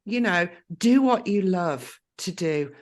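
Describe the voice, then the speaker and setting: A woman's voice: fairly low pitch, animated, slow pace. A woman hosting a podcast interview, encouraging and openly emotional with her guest. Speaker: podcast host.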